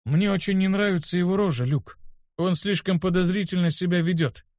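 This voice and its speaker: A wary young gang leader, protective of his people, as a male narrator reads him. He speaks low and suspiciously. The recording is close and dry. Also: fairly quick, darkish tone, dry recording, lightly acted.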